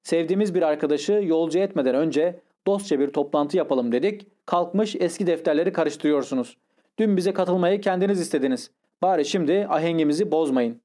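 A man's voice: fairly high pitch, a little fast, dark tone, lightly acted. A man voicing a stern young man who bluntly scolds another guest. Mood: reproachful. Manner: blunt, reproachful.

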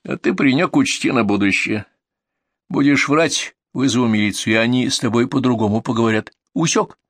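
A man voicing a gruff, tired male ambulance doctor with a stern, mocking manner, in a storybook reading. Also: medium pitch, fairly quick, no echo, clean studio sound, lightly acted.

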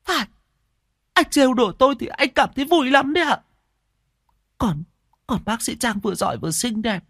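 Man voicing a jealous young woman, shrill falsetto, stammering, very dry audiobook sound. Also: lively intonation, normal speed, vocal fry, a bit bright, dry recording, exaggerated voice. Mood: hurt, furious. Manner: shrill, stammering when upset. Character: jealous young village woman, hot-tempered.

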